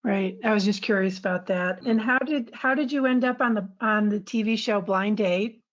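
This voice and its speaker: A woman's voice: mid-range voice, moderate pace, no echo, dull audio. Eager woman podcast host, dry and close. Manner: eager, admiring questions and friendly asides to listeners. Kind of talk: podcast interview and scripted narration.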